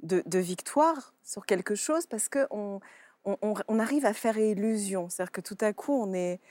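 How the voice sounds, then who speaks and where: A woman author talking in a lively, playful way on a TV talk show, often repeating words. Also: mid-range voice, moderate pace, dry recording. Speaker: author guest. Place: TV studio.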